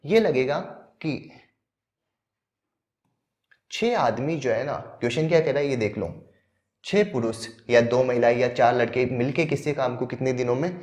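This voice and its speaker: A man's voice: medium pitch, a little mellow. Man explaining maths problems step by step. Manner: explains step by step, asks questions then answers them. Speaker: maths teacher. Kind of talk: exam-prep maths lesson.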